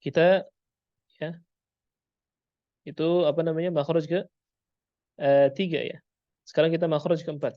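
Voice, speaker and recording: A man's voice: a little high, steady tone, unhurried, pauses often, no room sound, lo-fi sound. A man with an Indonesian accent teaching Quran pronunciation, patiently repeating sounds and quizzing his class.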